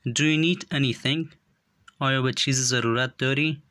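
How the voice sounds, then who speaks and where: Male language teacher, medium pitch, slow deliberate phrase drills, dry close recording. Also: fairly even intonation, pushed and bright, dry recording. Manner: says English phrases slowly and clearly, translations quicker. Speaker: English teacher.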